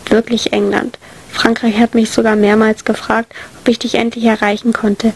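A woman's voice: on the high side, flat delivery, moderate pace, close to an everyday voice. A woman doing an exasperated, worried visitor in whispered role-play. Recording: faint hiss.

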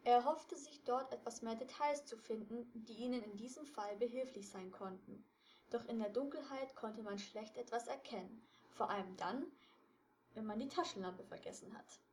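A woman reading a detective story aloud with steady storytelling narration. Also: fairly high pitch, moderate pace, a little hiss or hum.

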